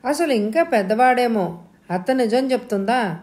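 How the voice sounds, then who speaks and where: A woman reading an audio novel, voicing a quick-tempered, scornful elder sister who shouts at her younger sibling. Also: on the high side, animated, voice pushed up, close to an everyday voice. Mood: angry scolding.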